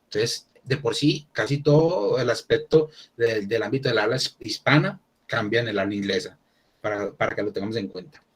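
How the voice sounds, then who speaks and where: A man's voice: fairly low pitch, normal speed, breathy edge. A man teaching an English class online, talking casually and thinking aloud with many restarts.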